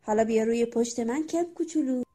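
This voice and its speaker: A woman's voice: a little high, warm tone, faint music behind, close to an everyday voice. A woman voicing a cunning, wicked male bird in a children's story, speaking in a scheming, falsely sweet way. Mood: coaxing.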